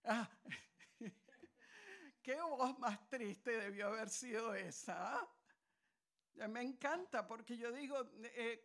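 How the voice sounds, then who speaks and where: A woman's voice: a little high, fairly bright tone. A woman preaching a sermon in a conversational, storytelling way, with asides to her listeners.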